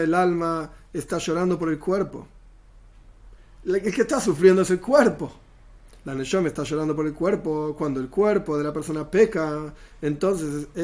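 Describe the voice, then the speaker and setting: Guy teaching torah, a bit high voice, keeps explaining the hebrew words. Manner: explanatory, repeats Hebrew terms then glosses them in Spanish. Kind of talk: Torah lesson.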